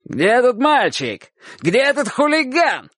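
A man voicing an angry male dogcatcher who yells threats in a raised, drawn-out voice. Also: extremely high pitch, big pitch swings, no room sound, studio quality, pitched above the performer's own voice, exaggerated voice. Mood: furious shouting.

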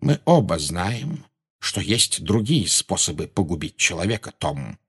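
A man reading a storybook and voicing a calm, soft-spoken old male wizard who never hurries. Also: deep voice, moderate pace, vocal fry, husky, exaggerated voice.

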